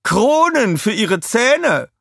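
Male narrator doing a sour old queen in an audiobook, high voice pushed up, scornful jokes, dry recording. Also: sing-song, takes it slowly, vocal fry, a bit bright, dry recording, full character voice. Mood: joking. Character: old queen, sardonic and grumpy.

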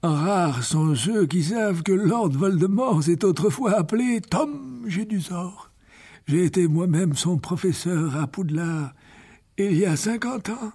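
A kindly old headmaster wizard, slow and soft, with a chuckle always near, as a male narrator puts him on. The voice sits high and gravelly, a touch husky. Audiobook character voice. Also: lively intonation, exaggerated voice. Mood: musing.

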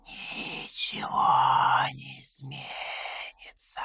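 Lady doing a creepy dry-leaf whisper of a fake old man, super slow, wheedling, storybook. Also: extremely low pitch, bright, forceful tone, dry recording, full character voice. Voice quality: breathy whisper. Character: dead whispering old man, rat-made copy, coaxing. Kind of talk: audiobook character voice.

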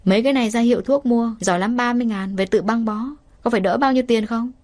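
A woman's voice: on the high side, quick pace, darkish tone, natural voice. A woman voicing a stubborn, joking young man in her own plain voice. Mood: teasing. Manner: flippant, joking.

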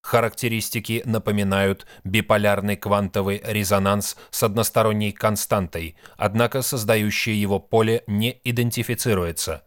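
A monotone ship's computer from a sci-fi audiobook, as a male reader puts it on, speaking in a loud, slow, evenly clipped voice. Each report lands flat and machine-like, pitched fairly low. The sound is dry and close. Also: dry recording, natural voice. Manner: monotone, mechanical, measured. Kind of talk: audiobook reading.

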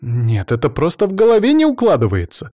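A man voicing an emotional young woman in an audiobook, raising his voice high and breaking into sudden exclamations. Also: huge pitch swings, fairly quick, mellow, dry recording, clean studio sound. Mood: agitated. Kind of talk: audiobook character voice.

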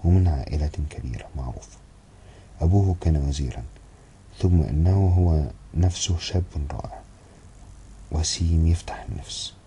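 A man's voice: rumbling low, a little hiss or hum. A man reading a resigned young woman. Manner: soft, measured, sighing. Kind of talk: audiobook character reading.

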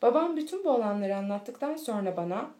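A woman reading a children's storybook aloud in a steady, clear manner. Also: a little high, quick pace. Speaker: audiobook reader. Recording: echoey room.

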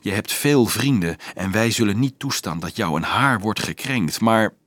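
Male reader playing a teasing young student who whispers low and knowing; dry sound. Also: expressive, normal speed, a bit bright, no echo. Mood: sly whisper.

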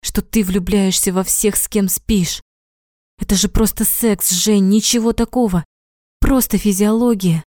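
A woman voicing a blunt, hot-tempered young man who talks gruffly and swears in a storybook reading. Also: high-pitched, fairly even intonation, unhurried, a little mellow, dry recording, clean studio sound. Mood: angry.

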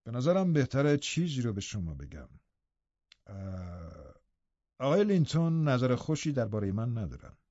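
A man voicing a bitter, scheming middle-aged man in an audiobook, speaking in a low, muttering, sardonic manner. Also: very animated, dark tone, dry recording, natural voice. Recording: dull, dry audiobook recording.

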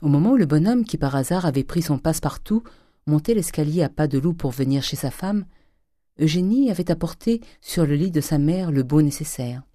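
Mellow, measured audiobook reader. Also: mid-range voice, animated, no room sound, studio quality. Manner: measured, deliberate. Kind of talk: scripted narration of a classic novel.

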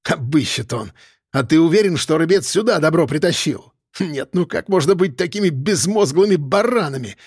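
A man voicing a furious, foul-mouthed middle-aged police chief who yells and sneers at his men. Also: animated, normal speed, husky, no room sound, clean studio sound. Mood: scornful. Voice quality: shrill, yelling. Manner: screaming abuse, sneering mockery.

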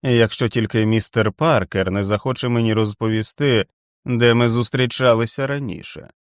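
A man voicing a cold, cruel male reverend who runs a boys' home, shouting commands in a shrill voice. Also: fairly even intonation, normal speed, no echo, studio quality, natural voice. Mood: coldly mocking.

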